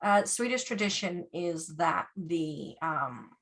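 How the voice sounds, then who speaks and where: A woman's voice: fairly low pitch, animated, takes it slowly, fairly bright tone. A woman and yarn dyer chatting casually as a guest on a video call, laughing often.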